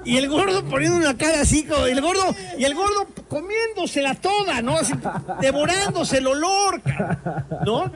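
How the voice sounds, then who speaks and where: A Mexican man hosting a sports talk show, telling crude, animated stories and acting out people in them. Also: very high-pitched, fairly quick, a crowd in the background. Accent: Mexican Spanish. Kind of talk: joking storytelling among co-hosts.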